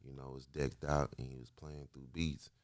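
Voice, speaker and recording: A man in his late thirties from Kansas City, a musician guest telling stories in a slangy, animated way. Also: a bass voice, moderate pace, dry recording. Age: 30s. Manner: slangy, repetitive, animated storytelling. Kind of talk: casual interview chat.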